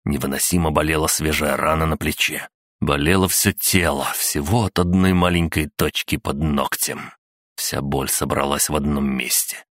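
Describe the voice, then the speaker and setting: A man reading a grim fantasy audiobook in a measured, scripted narration. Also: a bass voice, fairly bright tone, no echo, clean studio sound.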